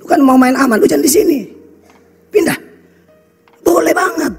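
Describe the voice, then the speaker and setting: A pastor with a Kupang accent, preaching a blunt, scolding sermon full of local slang. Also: male voice, very high voice, moderate pace. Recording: reverberant hall with faint music.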